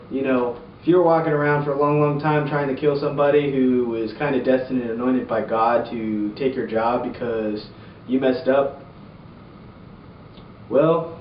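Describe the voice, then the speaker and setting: A man with an upbeat, slangy, jokey youth pastor manner, casually telling Bible stories for laughs. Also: medium pitch. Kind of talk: casual comedic Bible storytelling to camera. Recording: roomy, distant, muffled, faint background noise.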